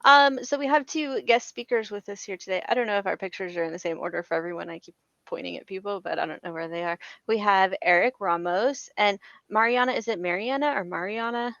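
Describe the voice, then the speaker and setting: A chatty woman hosts an online meetup with a gravelly edge to her voice, laughing easily between remarks. The call audio is dry and somewhat dull. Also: medium pitch, fast talker, a bit bright, no room sound. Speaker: user group co-host. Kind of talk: casual meetup hosting. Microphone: home microphone on a video call.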